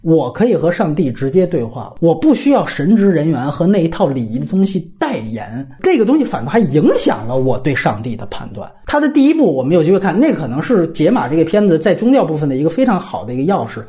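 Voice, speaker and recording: A man's voice: a little high, fast talker, hardly any pauses. A man discussing a film at length in a casual podcast conversation, acting out the lines he quotes. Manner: animated, explains at length, acts out quoted lines. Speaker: podcast host, film critic.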